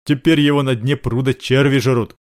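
A man's voice: mid-range voice, fairly even intonation, normal speed, natural voice. A man doing a crude mocking thug guard. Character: male gangster guard, crude and menacing.

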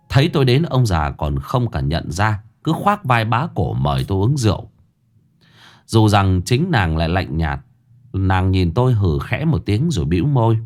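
Low-voiced man narrating a horror story. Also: a little mellow. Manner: dramatic, wry first-person telling.

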